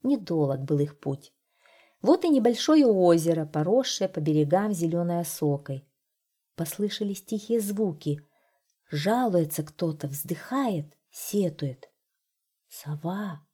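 A woman narrating a children's fairy tale in a gentle, expressive way. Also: lowish voice, a little slow, slightly rough. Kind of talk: storybook narration.

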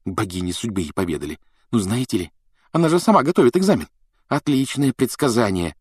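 A scornful, know-it-all schoolgirl, as a man reads her in a raised voice for an audiobook. Her lines come out sharp and clipped with open scorn, recorded dry and close. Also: low voice, expressive, a little fast, slightly rough, no room sound. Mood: scoffing.

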